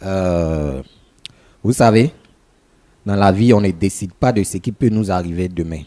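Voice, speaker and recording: An actor playing a talk-show guest who calmly justifies taking his friend's wife and turns combative when challenged. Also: low voice, a little slow, no echo. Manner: calm justifying, then combative.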